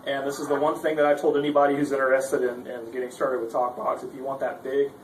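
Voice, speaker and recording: A guitarist gives a casual, informal gear demonstration, speaking hesitantly and with some self-deprecation. His mid-range voice is flat and fast, picked up by a roomy, distant mic with background noise.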